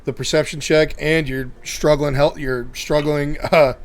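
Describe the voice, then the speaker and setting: Gravelly man running a tabletop game. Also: a little high, steady tone, a little slow. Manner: loose, rambling narration with many fillers. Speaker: dungeon master.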